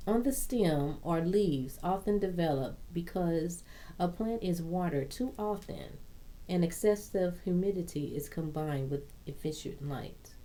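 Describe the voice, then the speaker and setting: A woman hosting a plant channel, reading aloud from a houseplant book in a halting way, stopping to correct herself and add her own comments. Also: on the low side, warm tone, rough recording.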